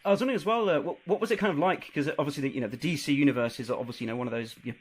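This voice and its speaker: A man's voice: fairly high pitch, racing, breathy edge. A man interviewing an actor, asking long, rambling questions full of hedges and fillers.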